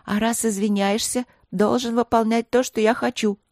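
A woman voicing a cheeky, chatty young princess in an audiobook, teasing and quick to chatter. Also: mid-range voice, steady tone, darkish tone, dry recording, clean studio sound, voice pushed up, natural voice. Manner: bubbly, teasing, rapid chatter. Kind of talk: audiobook character voice.

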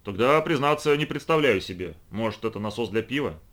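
A man's voice: mid-range voice, animated, brisk, fairly bright tone, natural voice. A man voicing a polite, cautious companion asking tentative questions in a read-aloud story.

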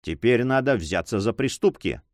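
A man's voice: mid-range voice, animated, moderate pace, no room sound, studio quality, natural voice. A man voicing a commanding, troubled young nobleman who speaks in an earnest way.

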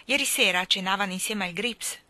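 A woman voicing an excitable society lady who gossips eagerly about her acquaintances. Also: mid-range voice, fairly quick, no echo, natural voice. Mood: gossipy.

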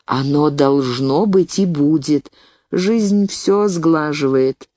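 A woman reading the part of a grieving, remorseful older spinster aunt, slow and anguished. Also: deep voice, dark tone, no room sound, studio quality, voice pushed down. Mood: grave, consoling. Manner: anguished, self-reproaching, then grave and soothing.

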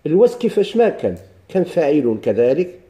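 Dark-voiced Moroccan man teaching grammar. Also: on the high side, very animated, fast. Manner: explains step by step, quizzing students with questions. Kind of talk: classical grammar lesson.

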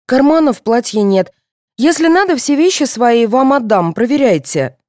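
A woman's voice: a little high, expressive, moderate pace, darkish tone, no room sound, studio quality, voice pushed up, close to an everyday voice. A woman voicing a polite, compliant teenage girl in an audiobook, earnest and eager. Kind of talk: audiobook character voice.

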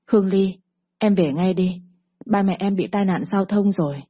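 A homeroom teacher delivers news with urgency, as a woman reading a story puts her on. Husky voice, dull recording. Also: mid-range voice, normal speed, no room sound, natural voice. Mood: urgent.

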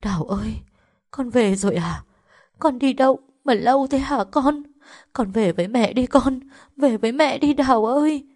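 Sick mother, crying, high and wailing; a woman reads her. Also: expressive, normal speed, a little mellow. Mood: tearful pleading. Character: frail sick middle-aged mother, confused and clinging.

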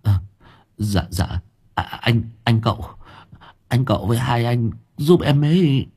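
Male reader playing a scared, stammering young punk, raised pitch, husky. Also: animated, a little slow, darkish tone. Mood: pleading. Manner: stammering, pleading.

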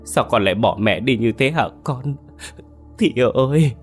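A man's voice: mid-range voice, lively intonation, measured pace, faint music behind, pitched above the performer's own voice, natural voice. A man voicing a grieving middle-aged mother who calls out to her dead daughter, sobbing and crying out. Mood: pleading.

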